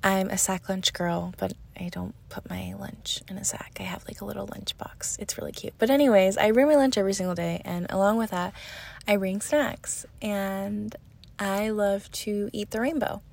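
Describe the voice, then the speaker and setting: A young woman telling a casual story on her podcast, chatty and full of "like", sometimes dropping to a soft whisper. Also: medium pitch, moderate pace, creaky. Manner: chatty, heavy use of "like", drops to soft whispers. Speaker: podcast host.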